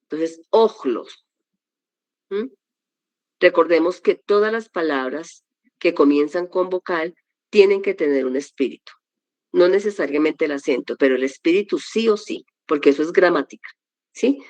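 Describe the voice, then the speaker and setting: A woman's voice: low-pitched, normal speed, no echo. A woman teaching a Greek vocabulary class, explaining pronunciation step by step with patient examples. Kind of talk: classroom lesson.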